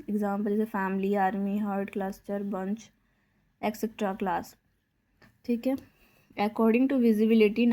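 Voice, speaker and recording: Woman teaching grammar in a flat voice. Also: mid-range voice. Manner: lists examples one by one, reads English definitions slowly. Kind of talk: Hindi-English grammar lesson.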